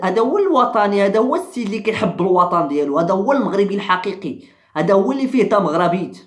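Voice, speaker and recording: Speaking in an echoey room, a high-voiced vlogger with a Moroccan accent rants fiercely about social issues. Over and over he restates his points and fires rhetorical questions at those watching.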